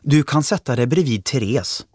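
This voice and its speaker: A man voicing a kindly female schoolteacher in a read-aloud story, speaking in a high, sweet, coaxing voice. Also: animated, darkish tone, husky, no echo, clean studio sound.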